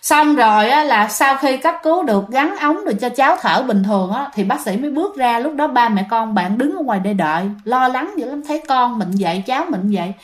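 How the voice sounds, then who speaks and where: A woman narrates a ghost story in a relaxed, chatty way. Her voice sits high, and she keeps turning to address her listeners directly. The telling feels casual rather than scripted. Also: a little fast, hardly any pauses.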